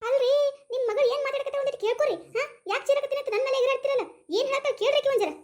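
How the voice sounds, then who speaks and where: A fussy village mother from a cartoon, shrill and exasperated, scolding in a North Karnataka Kannada accent, as a woman puts her on. Her voice sits very high and she talks fast. The room rings with echo. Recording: roomy echo.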